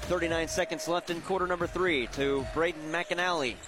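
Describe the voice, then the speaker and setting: A man's voice: fairly high pitch, fairly even intonation, fairly quick, over music. A man doing live radio play-by-play of basketball in clipped phrases, tracking each pass and shot. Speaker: play-by-play announcer. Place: high school gym, courtside.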